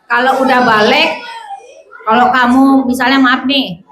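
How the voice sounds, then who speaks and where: A woman giving a lively classroom lesson to children as a religious teacher, often quizzing and hushing the pupils. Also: high voice, unhurried, a crowd in the background. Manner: lively, calls out to hush and question pupils. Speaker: religious teacher at a school Ramadan camp. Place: school hall with children. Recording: echoey hall with background noise.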